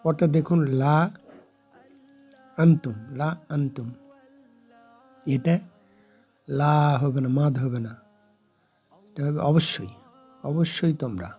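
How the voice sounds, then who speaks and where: A man teaching a recorded recitation lesson, explaining rules deliberately and repeating words slowly as drills. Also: on the high side, a little mellow, breathy edge, faint music behind.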